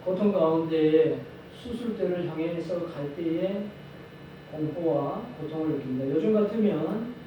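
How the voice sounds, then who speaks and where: A man's voice: on the high side, measured pace, dull audio. A man preaching a sermon to his congregation, asking them rhetorical questions and repeating key phrases for emphasis. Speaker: pastor. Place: church sanctuary. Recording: very echoey hall, mic at a distance, faint background noise.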